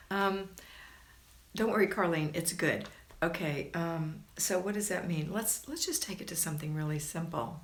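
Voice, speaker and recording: Here a middle-aged homemaking coach speaks in a lowish, creaky voice, reading out and responding to viewer comments during a casual live chat. Her tone is warm, folksy, and encouraging, full of "hun" and "honey," and the audio carries the echo of a roomy home space.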